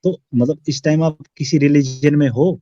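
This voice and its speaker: A man calling into a debate, hesitant and repetitive, trying to speak gently. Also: fairly high pitch, steady tone, no echo, muffled recording. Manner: hesitant, repeats himself, soft-spoken. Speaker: debate caller. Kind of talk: live debate call.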